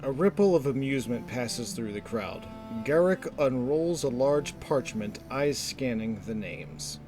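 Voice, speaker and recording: Over background music, a man narrates a scripted fantasy story in a measured, descriptive way. His pitch is medium and his intonation lively.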